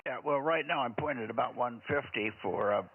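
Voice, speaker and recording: Folksy net controller over a two-way radio. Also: male voice, medium pitch, normal speed. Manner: easygoing and folksy, directing other operators. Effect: heard over a two-way radio. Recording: tinny radio transmission with clear hiss.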